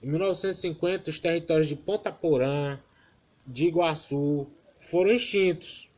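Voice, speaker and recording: A student teacher from Maranhão, Brazil, gives an informal online geography class, calling his students "galera" and correcting himself as he goes. His voice is on the high side with a darkish tone, and he speaks at normal speed.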